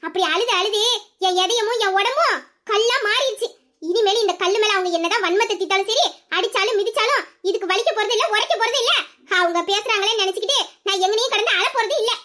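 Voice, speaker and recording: A woman voicing a young woman hardened by abuse, speaking slowly and wearily. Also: extremely high pitch. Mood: numb. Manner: slow, flat, weary. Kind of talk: Tamil audio story acting.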